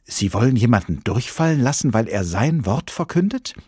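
A man reading a story aloud and voicing a wide-eyed law student who preaches loudly during his exam. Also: medium pitch, very animated, moderate pace, slightly rough, no room sound, studio quality, pitched above the performer's own voice. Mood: fervent. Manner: loud, fervent, sermon-like declaiming.

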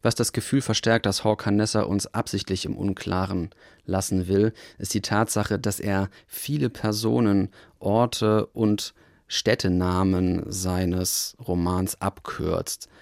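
Deep, flat-voiced male critic. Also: takes it slowly, vocal fry, no room sound, clean studio sound. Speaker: book critic. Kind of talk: radio book review.

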